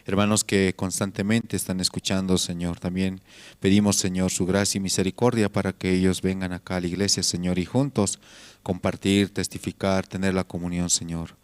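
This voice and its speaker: A man's voice: sits low, little pitch movement, normal speed, clear, resonant tone, no echo. A man with a Bolivian Spanish accent leading a spoken prayer, saying "Lord" between every phrase. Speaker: pastor leading prayer service.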